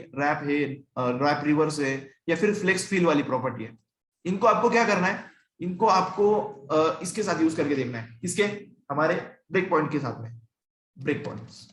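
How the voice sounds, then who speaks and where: A young man from India teaching programming in a relaxed, conversational way, asking and answering his own questions. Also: a little high, echoey room, a little hiss or hum. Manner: conversational, asks and answers own questions, often checks in with "ठीक है". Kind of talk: screen-recorded coding tutorial.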